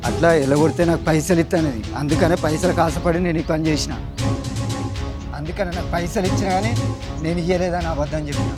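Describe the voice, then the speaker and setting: Brief: actor as a cowardly lying villager, fast and whiny, Telangana accent, music under him. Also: male voice, fairly high pitch, fairly even intonation, close to an everyday voice. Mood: defensive. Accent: Telangana Telugu. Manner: whiny, defensive. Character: greedy cowardly village man, shifty liar. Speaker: hired liar.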